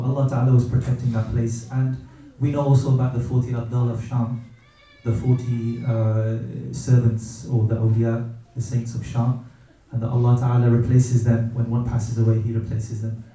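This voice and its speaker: A middle-aged man speaks in a deep, mellow, very dark tone, reverent and unhurried, often stopping on fillers as he gathers his thoughts. He sits at a distance from the mic, and a strong room echo surrounds each phrase. The delivery is a reflective religious talk. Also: flat delivery. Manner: gentle, reverent, hesitant with many pauses and fillers. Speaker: speaker sharing personal experience.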